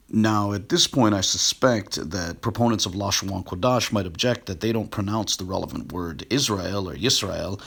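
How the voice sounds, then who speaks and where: Man, gravelly voice, scholarly screen-share lesson, measured delivery. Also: sits low, fairly bright tone. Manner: measured, scholarly, walks through sources on screen. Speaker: video essayist on biblical words.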